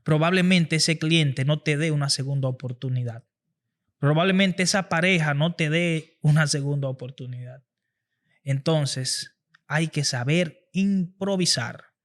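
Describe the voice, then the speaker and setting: High-voiced man giving a motivational talk. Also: a little slow. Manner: earnest, teaching, repeats phrases for emphasis. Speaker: podcast host. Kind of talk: motivational talk on public speaking.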